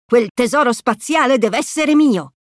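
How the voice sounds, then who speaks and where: A woman's voice: a little high, expressive, moderate pace, no room sound, clean studio sound, close to an everyday voice. A woman voicing a blustering, scheming male space pirate in a storybook reading.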